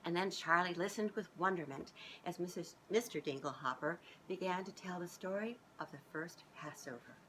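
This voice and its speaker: A woman in her fifties, on a living room sofa, reads a children's storybook aloud expressively and informally, often breaking off to chat with young listeners. Her lowish voice keeps a moderate pace with hardly any pauses. A camera a short way off captures poor audio with slight hiss or hum.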